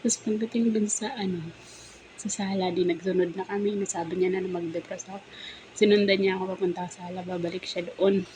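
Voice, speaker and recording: A woman's voice: lowish voice, fairly even intonation, brisk, mellow, a little hiss or hum, poor audio. A woman from the Philippines, a live-in domestic helper, chatting casually at home and often laughing as she acts out what others said. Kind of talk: casual storytelling vlog. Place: employer's house, indoors.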